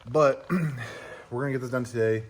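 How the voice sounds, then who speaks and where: A man vlogging his truck work outdoors, rambling casually with lots of fillers and throat clearing. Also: mid-range voice, normal speed, a little hiss or hum. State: out of breath. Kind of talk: casual DIY vlog.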